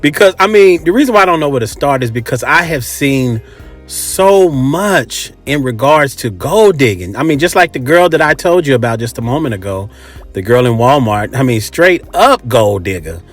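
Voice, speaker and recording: Over faint background music, an American male host speaks at normal speed in a medium-pitched, very animated voice, close to the mic. His monologue is casual and opinionated, delivered bluntly and emphatically, full of swearing and repeated phrases.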